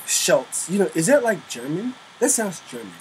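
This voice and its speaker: A man's voice: sits high, sing-song, normal speed, a little hiss or hum, low-quality recording. A man co-hosting a couples reaction video, playful and teasing, laughing easily. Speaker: co-host of a reaction channel. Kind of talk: casual chat.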